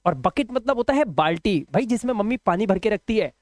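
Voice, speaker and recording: In a spoken video lesson for students, a male English teacher poses questions to the class and answers them himself, stretching out letter sounds as he spells. His high, expressive voice moves briskly, recorded dry with clean studio sound.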